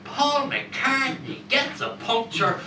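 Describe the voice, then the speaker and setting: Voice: sits high, takes it slowly, gravelly, loud music behind the voice, heavily acted. Someone doing a grumbly old panto ghost, fed up and hammy, recorded far off in an echoey noisy room. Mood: weary, aggrieved. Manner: complaining, long-suffering, hammy. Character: weary grumbling ghost of Christmas pantos past. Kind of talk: comic amateur pantomime acting. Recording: roomy echoing live hall, distant mic, noisy.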